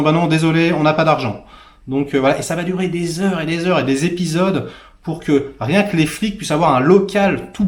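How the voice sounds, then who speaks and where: A middle-aged man from France giving a casual talk-to-camera series review, chatty and animated, dotting his talk with little asides. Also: a little high. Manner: chatty, full of "voilà" and "hein" asides; animated, acts out quoted characters. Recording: roomy echo.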